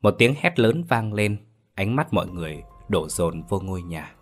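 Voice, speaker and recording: A man narrating a horror story in a steady, dramatic way. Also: low voice, moderate pace, soft background music.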